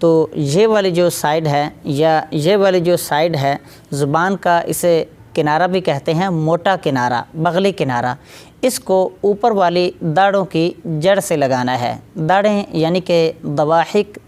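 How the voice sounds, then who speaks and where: A woman's voice: sits low, slow, a little mellow. A woman teaching Quran recitation, patiently explaining step by step and drilling syllables aloud. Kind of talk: tajweed pronunciation lesson.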